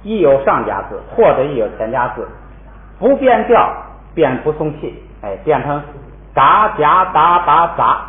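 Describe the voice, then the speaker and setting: A man teaching a language lesson in a relaxed spoken style, explaining patiently and repeating words for students to echo. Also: mid-range voice, normal speed. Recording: echoey room over a tinny phone-like line.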